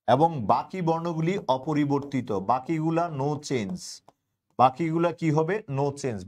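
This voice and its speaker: A man's voice: fairly high pitch, darkish tone. A young man teaching an online grammar class for an admission coaching, who keeps drilling his students by asking a question and then answering it himself.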